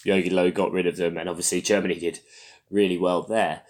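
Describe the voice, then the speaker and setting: A man's voice: low voice, flat delivery, fairly quick, darkish tone. A man co-hosting a casual podcast, full of teasing, sarcastic banter. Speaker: podcast co-host. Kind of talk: casual chat.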